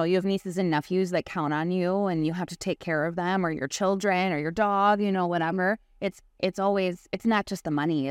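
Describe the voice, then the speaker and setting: A woman, a real estate agent on a podcast, chatting casually and acting out quotes in a higher voice, with lots of "like" and "you know". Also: smooth, no echo, clean studio sound. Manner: animated, acts out quotes in a higher voice.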